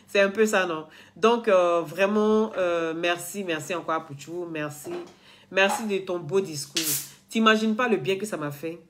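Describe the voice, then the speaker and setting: A woman's voice: on the low side, measured pace, slight background noise. A woman blogger talking straight to her followers in an earnest, lecturing way, repeating herself and restarting often. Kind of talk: casual direct-to-camera talk.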